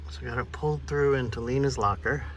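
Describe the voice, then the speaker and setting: A boat DIY vlogger explains a how-to to camera in a casual, matter-of-fact way, working in the cramped interior of a boat in a yard. His medium-pitched voice is fast, a bit bright, and fairly even, in a rough recording with slight background noise.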